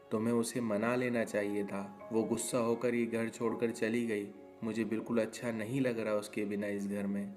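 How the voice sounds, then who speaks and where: A man's voice: fairly low pitch, a little mellow, close to an everyday voice. A man voicing a caring but scolding middle-aged mother-in-law in a cartoon story. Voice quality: scolding, admonishing.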